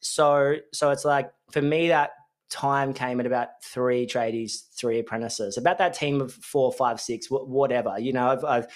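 A man's voice: medium pitch, normal speed. A man, a tradesman and business owner, hosting a solo podcast in a rambling, jokey storytelling way. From Australia. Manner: rambling, jokey storytelling with animated put-on voices. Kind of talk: casual solo podcast talk.

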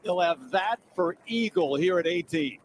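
A man's voice: sits high, animated, a little slow. A man calling live golf as a television commentator, with dramatic broadcast phrasing. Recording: clearly noisy outdoor broadcast clip.

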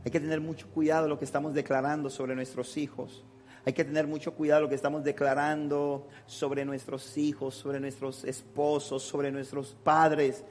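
A man preaching a sermon as pastor, swinging between shouted passion and quiet, confiding talk. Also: fairly high pitch, little pitch movement, moderate pace, a little hiss or hum. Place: church with long reverb. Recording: reverberant church hall.

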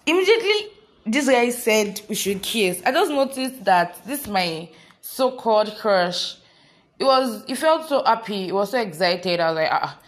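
A woman's voice: medium pitch, lively intonation, unhurried. A young woman with a Nigerian accent, telling a personal story to her viewers in a chatty, giggly way with local slang. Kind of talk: casual storytelling vlog.

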